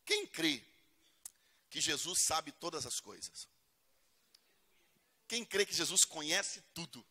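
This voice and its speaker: A man's voice: a little high, big pitch swings, slow, pushed and bright. A male pastor preaching a humorous sermon in a church, acting out prayers in voices. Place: church hall. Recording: long church reverb.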